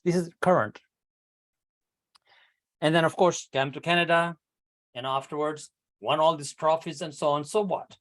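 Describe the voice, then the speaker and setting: Speaking to his online speaking club by video call, this older Kenyan-born club member delivers a prepared speech in a slightly high voice at a moderate pace, pausing often. He's an animated storyteller who poses rhetorical questions and calls his audience "ladies and gentlemen."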